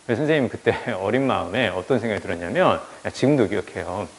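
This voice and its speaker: A man's voice: on the low side, fast talker, vocal fry, long reverb tail. A male teacher telling a childhood story in a lecture, acting out the people he quotes. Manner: animated, acts out quoted voices. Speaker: English teacher.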